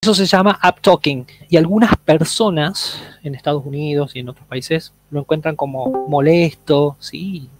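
A man's voice: on the high side, moderate pace, few pauses, faint music behind, rough recording. A man teaching an online English workshop, explaining step by step and checking in with his students often.

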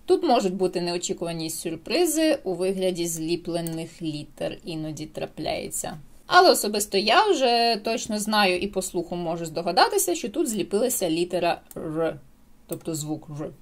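Speaking directly to her viewers, a woman walks through English pronunciation sound by sound in a video lesson. Her voice sits on the low side, her pace is normal, and her delivery is animated and explanatory.

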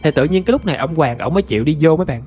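A man's voice: a little high, lively intonation, racing, darkish tone, soft background music. A man with a Southern Vietnamese accent narrating a ghost story in a chatty way, often addressing his listeners directly.

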